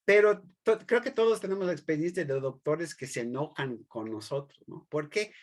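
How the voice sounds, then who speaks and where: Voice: mid-range voice, moderate pace. A teacher lecturing a class, talking hesitantly with many fillers, restarts and tag questions, and explaining through everyday examples.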